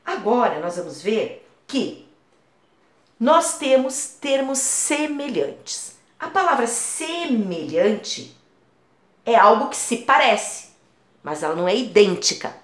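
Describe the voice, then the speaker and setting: A woman's voice: fairly high pitch, very animated, slow pace. A woman math teacher explaining a lesson patiently, using everyday comparisons. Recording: echoey room.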